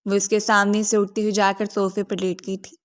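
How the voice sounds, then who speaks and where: A woman narrating a romance novel in a steady, dramatic storytelling manner. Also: medium pitch.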